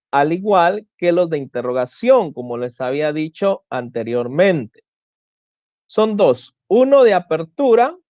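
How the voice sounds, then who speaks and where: A man lectures a class at an unhurried, deliberate pace, his voice sitting a little high for a man. He explains step by step and often circles back to restart a phrase. The sound is dry and somewhat dull and lo-fi. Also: a little mellow, dry recording. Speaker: teacher.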